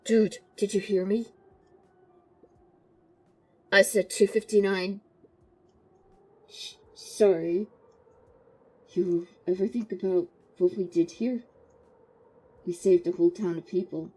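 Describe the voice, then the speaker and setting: A young man in a hazmat suit, put on by a woman streaming a game, talks in a muffled, cupped voice. His delivery is relaxed and unhurried, with a dark, husky tone. He calls people dude and keeps a laid-back worker's swagger. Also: medium pitch, voice pushed down. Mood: casual. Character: two young male workers in hazmat suits. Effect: muffled, talking into a cup. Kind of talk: voicing game characters while streaming.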